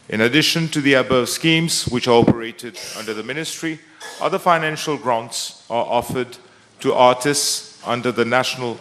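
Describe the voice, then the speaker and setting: A man's voice: mid-range voice, fairly bright tone. A man with a Mauritian accent reading out a formal prepared parliament speech as a minister, itemising point by point. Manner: formal, enumerating. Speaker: government minister.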